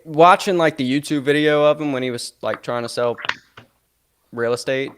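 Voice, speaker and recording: A man's voice: mid-range voice, clear, resonant tone. A man co-hosting a casual podcast chat, offhand and freely profane. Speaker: podcast co-host.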